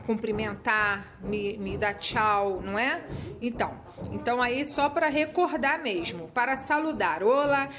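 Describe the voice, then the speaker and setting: A woman teacher, patiently walking students through exercises step by step and often checking that they follow. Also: a little high. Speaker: Spanish teacher. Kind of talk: recorded class explanation.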